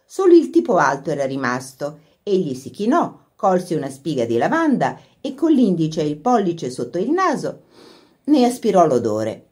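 A woman reading a literary short story aloud as narrator, in an expressive storytelling manner. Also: lowish voice, moderate pace, husky. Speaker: audiobook narrator.

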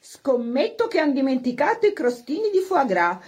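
A woman voicing a snobbish social-climbing mother, bossy and fretful, in a shrill raised voice. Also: very animated, normal speed, darkish tone. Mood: frantic fretting.

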